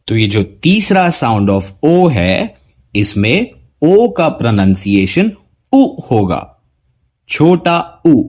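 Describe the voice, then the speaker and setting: Male pronunciation teacher, slow deliberate delivery, husky tone, lively sing-song pitch. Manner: drawn-out word examples with a lively rising pitch.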